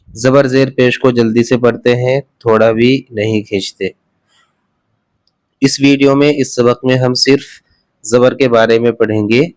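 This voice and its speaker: A man with an Urdu accent teaching a Quran reading lesson, drilling each letter slowly and correcting common mistakes. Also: medium pitch, no room sound. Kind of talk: slow recited alphabet lesson.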